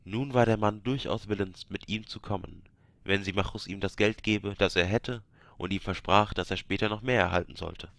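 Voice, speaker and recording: A man reads a fantasy game book aloud in a low voice. He breaks off now and then to joke with his listeners. The recording is dry and close. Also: normal speed, vocal fry, fairly bright tone, no room sound. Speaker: reader of game books. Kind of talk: reading aloud with joking asides.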